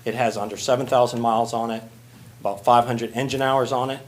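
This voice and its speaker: A man, a fire chief, presenting a request to a city council in a plain, halting way with many fillers. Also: mid-range voice, fairly even intonation.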